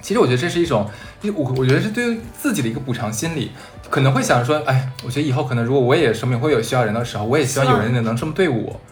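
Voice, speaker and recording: A man from Northeast China co-hosting a podcast, chatting casually with lively responses. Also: medium pitch, racing, soft background music. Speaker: podcast co-host. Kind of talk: casual chat.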